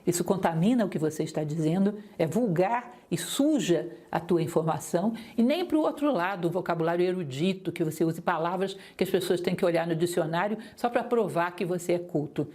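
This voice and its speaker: A woman lecturer teaching public speaking, talking straight to her listeners with lively, varied intonation. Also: fairly low pitch, fairly quick, hardly any pauses. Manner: didactic, lively intonation, addresses listeners directly.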